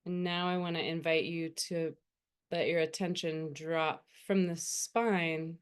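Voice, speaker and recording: A female meditation teacher guides the listener soothingly in a low, smooth, resonant voice. She speaks very slowly and gently, leaving unhurried pauses between her phrases.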